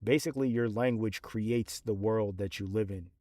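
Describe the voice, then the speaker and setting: A man's voice: on the low side, moderate pace, darkish tone, no echo, clean studio sound. A man in his thirties, a rapper, talks about his album in a rambling, casual monologue full of fillers and restarts.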